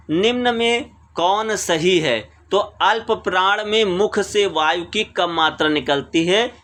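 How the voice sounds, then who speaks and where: A man's voice: fairly high pitch, fairly bright tone. A man teaching exam questions, reading each question, repeating it and explaining the answer. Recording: screen recording voice-over.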